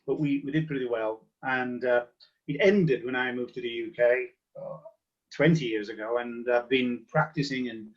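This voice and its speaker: A man in a casual interview, a relaxed, jokey storyteller talking about his past bands. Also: mid-range voice. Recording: slightly muffled lo-fi sound.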